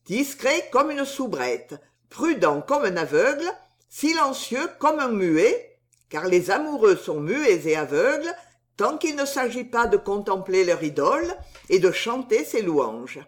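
A woman's voice: medium pitch, sing-song, a little slow. A woman voicing a gallant, flowery young male poet in a spoken storybook, with grand, pleading declarations.

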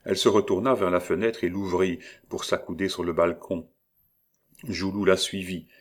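A man narrating a novel in a steady, measured reading voice. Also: deep voice. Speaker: audiobook narrator.

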